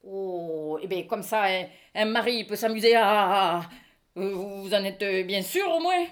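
A woman's voice: medium pitch, lively intonation, unhurried, close to an everyday voice. A woman with a French accent reading the part of an indignant middle-aged husband, in a stage reading. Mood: flustered. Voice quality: pompous, mock-solemn.

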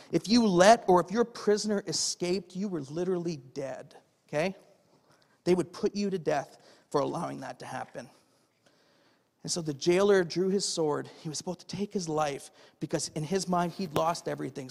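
High-voiced man preaching in a reverberant hall. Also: vocal fry, darkish tone. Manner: conversational, checks in with listeners with "okay?"; asks the audience rhetorical questions. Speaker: pastor. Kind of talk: sermon.

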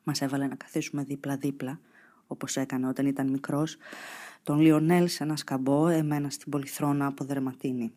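A reader giving a measured, restrained first-person reading of a literary novel. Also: medium pitch, steady tone, dark tone. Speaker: audiobook reader.

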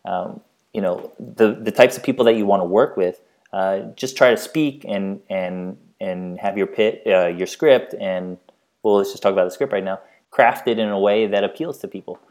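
Low-pitched guy talking things over on a podcast, bit hesitant, uh and um. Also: normal speed, a little mellow. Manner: thoughtful, hesitant with fillers. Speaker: podcast co-host. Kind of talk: casual chat.

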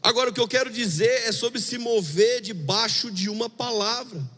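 High-voiced pastor preaching in an echoing hall. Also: male voice, normal speed. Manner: conversational and confessional, swings from quiet murmurs to fervent outbursts. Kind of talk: sermon. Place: church hall. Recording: long hall reverb.

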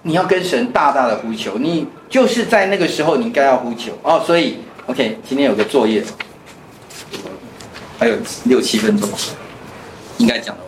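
A man's voice: medium pitch, animated, moderate pace. A male pastor, teaching a Bible class in a chatty way with personal stories. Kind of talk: conversational Bible lesson with anecdotes. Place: church classroom. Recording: echoey room with faint noise.

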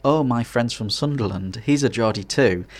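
A man's voice: mid-range voice, normal speed. A man from Hartlepool with a Teesside accent, co-hosting a casual podcast in a hesitant, rambling way. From Hartlepool, northeast England. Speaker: podcast co-host.

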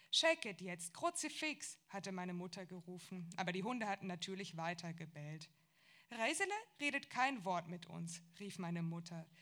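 A woman reading a literary novel aloud in German, calm and even in the narration and livelier in the quoted dialogue. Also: medium pitch. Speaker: reader of a novel. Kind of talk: audiobook reading of literary fiction.

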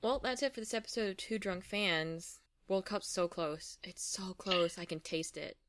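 A woman's voice: medium pitch, normal speed, fairly bright tone. A woman co-hosting a casual sports podcast, playful and easygoing, with filler words. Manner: casual, playful, says "like" and "friggin'". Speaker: podcast co-host. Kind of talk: casual chat.

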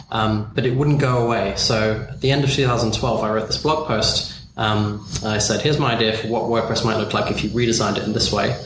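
A man whose first language is Dutch, answering interview questions in an articulate, wry way with many ums. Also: mid-range voice. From born in Scotland, raised in the Netherlands and the Philippines. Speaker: guest, software founder. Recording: echoey room with background noise.

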